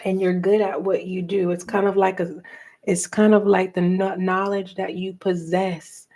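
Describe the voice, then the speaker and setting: A middle-aged woman giving a tarot reading for viewers, talking softly and slowly and pausing as she reads the cards aloud. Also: medium pitch, flat delivery. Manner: slow, soft and meditative, reading cards aloud with pauses. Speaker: tarot reader.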